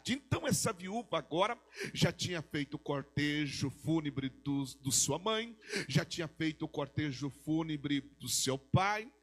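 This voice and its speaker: A Brazilian man preaching a Pentecostal sermon as pastor, with a repetitive cadence that rises into shouted, sing-song peaks. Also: fairly high pitch, animated, a little slow, faint music behind. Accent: Brazilian Portuguese. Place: church sanctuary.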